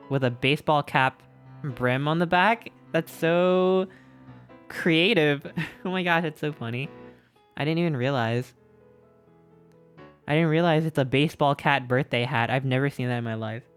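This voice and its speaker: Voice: mid-range voice, clear, resonant tone. Gushing, breathless streamer. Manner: gushing, excitable, repeats itself. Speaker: streamer reviewing fan art. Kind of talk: casual live-stream chat. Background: faint background music.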